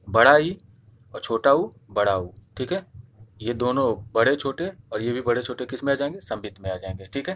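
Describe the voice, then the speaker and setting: A man runs an exam-prep grammar lesson at a steady, mid-pitched register. He repeats key points and asks himself questions before answering them. He draws out vowel sounds when demonstrating them. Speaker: teacher.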